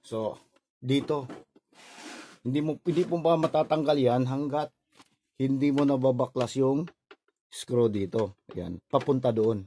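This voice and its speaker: Mellow and medium-pitched, a Filipino-accented man guides viewers through an informal hands-on repair in short, stepwise instructions. He speaks a little slowly with long pauses, and the audio is noisy with clicks.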